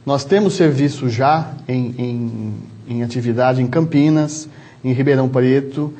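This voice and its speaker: A man with a São Paulo interior Brazilian accent, a doctor answering interview questions in a measured, explanatory way with frequent restarts. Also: mid-range voice, warm tone. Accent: São Paulo interior Brazilian Portuguese. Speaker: travel medicine doctor, guest.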